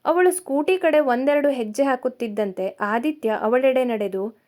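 A woman narrating a romance story in a calm, measured storytelling manner. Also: sits high.

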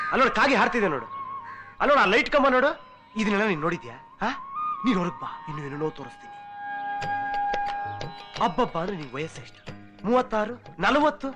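An actor playing a brash, cynical young man who taunts and preaches in film dialogue. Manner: taunting, preachy, wild swings of pitch.

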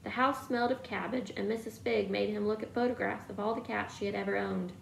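A woman's voice: medium pitch, fairly even intonation, a little fast, gravelly, roomy sound, a little hiss or hum, low-quality recording. A woman reading a novel aloud, telling the story steadily. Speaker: reader.

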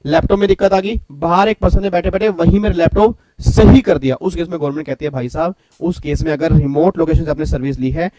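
A man lecturing at speed through an exam revision class, repeating each rule in short chanted phrases and breaking off to call on his students. His voice sits fairly high but sounds mellow and dark. The sound is dry and close, with little room around it. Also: no echo, rough recording. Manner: rapid, repetitive drilling of rules, addresses students directly. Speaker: tax law lecturer.

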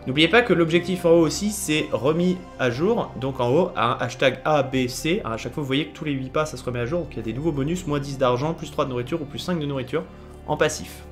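A man's voice: on the high side, fast talker, faint music behind. A man streaming a game live, reading the story text aloud and chatting with viewers between votes. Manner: reads game text aloud, chats with viewers, laughs often.

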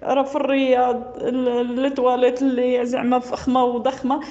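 A woman's voice: high voice, monotone, a little fast, mellow. A Moroccan woman calling in over a landline phone, tearful and pleading, who repeats her phrases and breaks off her words. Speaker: caller. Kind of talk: emotional call-in complaint. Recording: dull lo-fi phone line.

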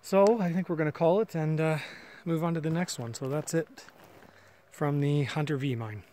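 The voice is a man's, fairly high in pitch and warm, moving at normal speed. He's from Canada and is filming his walk through an old outdoor mine, narrating casually and thinking aloud with fillers on a camera mic.

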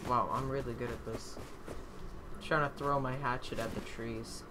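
A man's voice: mid-range voice, fairly even intonation, moderate pace. Man, casual gaming chat, laid-back and joking, noisy game audio behind. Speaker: channel host, game player.

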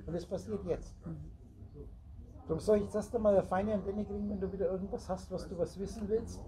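A man's voice: high voice, fairly even intonation, a little fast, poor audio. Man, spiritual teacher, rambling lecture, wordplay, group chatter behind. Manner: rambling, wordplay on word roots, addresses listeners directly. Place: meeting room with a small group. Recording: recorded amid a chattering group.

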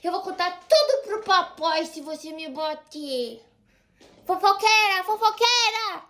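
A woman's voice: very high-pitched, animated, measured pace, pushed and bright, exaggerated voice. A woman voicing a spoiled, rude little girl who whines, taunts and sulks in a comedy sketch. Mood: whiny tantrum. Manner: whiny, taunting, sulky. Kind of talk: comedy sketch role-play.

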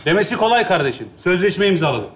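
A man's voice: high-pitched, sing-song, fast, background noise. A man acting in a stage comedy sketch, talking in a sheepish, whiny way.

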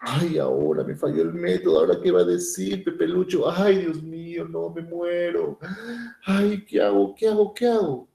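A fretful female pinworm, as a man puts her on in a high falsetto, whining and sighing. The voice sits far above his own and is mellow in tone, with an echoey room around it. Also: flat delivery, normal speed, vocal fry. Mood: panicky. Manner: whiny, panicky, sighing "ay".

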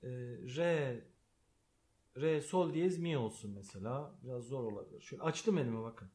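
A man giving a slow, patient piano lesson, calling out note names as he plays. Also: medium pitch, lively intonation, mellow. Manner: calls out note names while playing, explains patiently. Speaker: piano teacher. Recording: piano music under the voice. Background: piano playing.

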